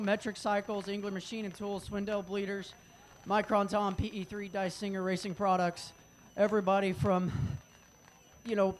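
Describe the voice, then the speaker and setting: A man from Oklahoma, a race driver, speaking off the cuff and plainly in a victory lane interview. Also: high voice. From Oklahoma, United States. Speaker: race car driver, winner being interviewed. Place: outdoors on a speedway front stretch. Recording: noisy outdoor trackside sound.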